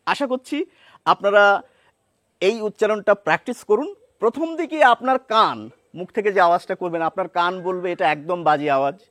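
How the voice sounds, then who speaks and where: A man giving a pronunciation lesson, patiently repeating words slowly to demonstrate nasal sounds. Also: high voice, expressive, a bit bright, no room sound. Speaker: pronunciation teacher. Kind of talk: spoken lesson to camera.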